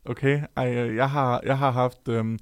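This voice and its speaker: A man's voice: mid-range voice, fairly even intonation, clear, resonant tone, dry recording, clean studio sound. A young man chatting casually on a podcast, hesitant and full of filler sounds.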